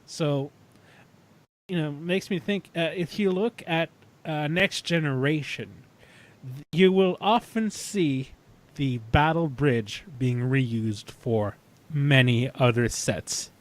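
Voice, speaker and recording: A man co-hosting a casual fan podcast, talking in a halting way with many fillers and restarts. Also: fairly high pitch. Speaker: podcast co-host. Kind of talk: casual chat.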